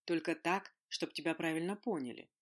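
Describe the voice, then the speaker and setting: A sardonic, teasing man in a storybook, as a woman reads him, gloating over a friend's discomfort. The voice is low and dry in its mockery. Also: moderate pace. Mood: mocking.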